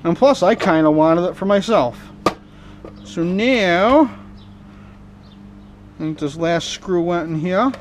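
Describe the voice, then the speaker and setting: Slow and expressive, a man with a high voice pauses at length as he works through a repair, muttering folksy, informal asides to himself. He hosts hobby repair and scrapping videos, and a little hiss or hum sits under the casual workbench ramble.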